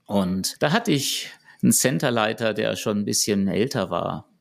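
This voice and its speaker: A man co-hosting a podcast, talking in a relaxed conversational way and telling anecdotes full of rhetorical questions. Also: lowish voice, normal speed, creaky. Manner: animated, storytelling with rhetorical questions. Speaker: podcast co-host.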